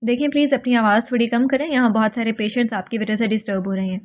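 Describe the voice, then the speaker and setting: A woman voicing a calm, businesslike hospital nurse who speaks directly but warmly. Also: a little high, natural voice. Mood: firm. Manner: direct and warm.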